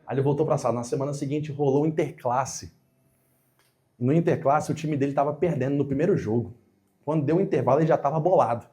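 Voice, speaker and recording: A man with a Brazilian accent preaching a sermon, telling a story in a lively way and acting out the dialogue. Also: on the high side, fast. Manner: animated, acts out quoted dialogue. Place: church.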